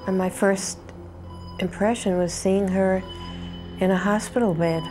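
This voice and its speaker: A woman psychic in an interview, thoughtful and pausing to find her words. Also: medium pitch, steady tone, over loud music.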